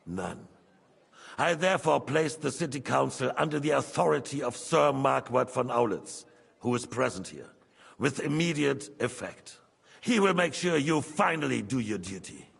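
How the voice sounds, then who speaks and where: Medieval king, game drama. Commanding, embittered, mid-pitched with vocal fry. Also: expressive, moderate pace, a bit bright, exaggerated voice. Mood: stern, furious. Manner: haughty, formal, commanding. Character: imperious, embittered medieval king, scornful and calculating.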